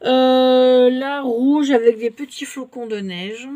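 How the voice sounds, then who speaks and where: A woman's voice: high voice, slow pace, mellow. Chatty French woman showing a haul. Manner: chatty, hesitant, many fillers, talks to viewers. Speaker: haul vlogger. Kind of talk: casual show-and-tell haul.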